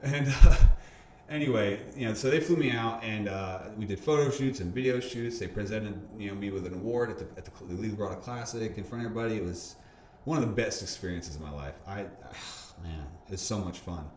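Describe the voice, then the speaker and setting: A man being interviewed, telling a story casually, animated, laughing often and restarting his sentences. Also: fairly low pitch, fairly quick, few pauses. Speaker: bodybuilder interviewee. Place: gym or park. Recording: roomy echo, faint background hum.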